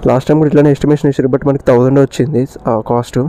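Talking very fast in a mellow, level mid-range voice, a motovlogger with a Telangana Telugu accent chats casually and blends English into his speech. There's faint vehicle and ambient noise in the background.

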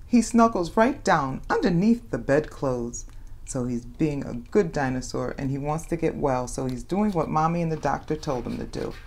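Speaking at normal speed in a low-pitched voice, a woman leads a children's story time. Her reading of the picture book is expressive and animated, with questions and exclamations dramatized for young kids.

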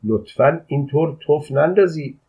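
A man reading an audiobook voices a calm soldier servant who scolds with unruffled, formal politeness. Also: fairly high pitch, slightly rough, voice pushed up. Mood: scolding calmly. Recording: dull lo-fi audio.

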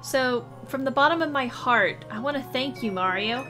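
A woman's voice: sits high, normal speed, music in the background, voice pushed up, natural voice. A woman voicing a sweet, earnest young origami girl in a video game. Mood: grateful.

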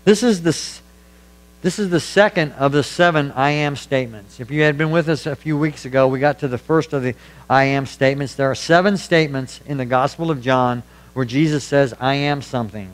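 A man's voice: medium pitch, fairly quick, low-quality recording. A man preaching a sermon as pastor, earnest and emphatic, hammering points home through repetition. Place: church.

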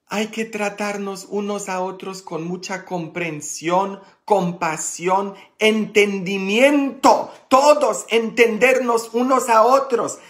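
A man preaching a sermon as a priest. He tells the story slowly, with many fillers and tag questions, and voices the people in it with sudden loud, high outbursts. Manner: animated, acts out quoted people with sharp rises in pitch and loudness.

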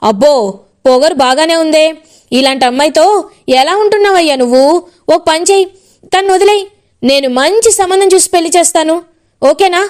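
A woman's voice: very high-pitched, a little fast, pauses often. A woman voicing an arrogant, mocking older male boss in a retold serial. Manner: mocking, bossy.

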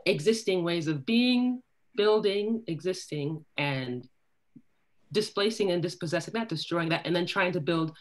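A woman speaking on a panel over a video call, building her points slowly and tagging them with "right?". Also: on the low side, expressive. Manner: thoughtful, tags points with "right?". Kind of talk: academic panel discussion. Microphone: laptop video call.

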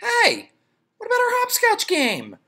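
A man doing a loud bossy schoolgirl. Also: extremely high pitch, wildly swooping pitch, a little slow, voice pushed up, full character voice. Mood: boastful. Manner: loud, boastful. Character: bossy girl classmate.

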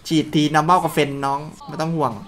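A man calling his own mobile game match, swearing, teasing, and yelling at his teammates. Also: fairly high pitch, level tone, quick pace, over loud music. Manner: loud, crude, joking, shouts at teammates. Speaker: gaming streamer. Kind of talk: excited live game commentary.

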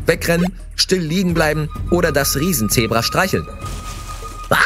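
Lively man narrating a playful story. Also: fairly high pitch. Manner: playful, dramatic, with excited exclamations. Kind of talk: scripted second-person story narration. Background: background music.

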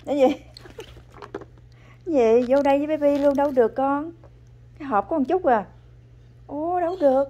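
A woman chatting at home with her toddler as a mother, coaxing and praising in a patient, gentle way. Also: high-pitched, normal speed, long pauses, dull audio. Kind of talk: casual family chat to a small child. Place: home, indoors.

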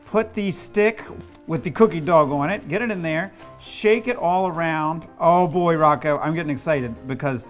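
A man's voice: a little high, normal speed, faint music behind. A middle-aged man hosting a playful kitchen demonstration, giving step-by-step instructions in a teasing, slightly bossy way. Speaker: cooking show host, children's author. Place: home kitchen.

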